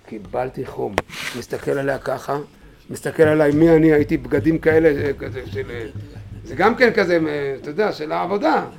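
A man speaking at a memorial gathering, telling a personal story in an animated way and acting out quotes with sudden shouts, then urging his listeners on fervently. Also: on the high side, creaky. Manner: animated, acts out quotes with sudden shouts, many fillers and restarts. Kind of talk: personal storytelling eulogy, turning into fervent exhortation.

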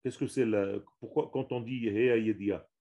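This man's voice sits lowish, steady in tone and mellow, delivered at a moderate pace over dull audio. Teaching a small group about the Hebrew language in a religious lesson, he speaks emphatically, often repeating or restarting and leaning hard on each Hebrew word.

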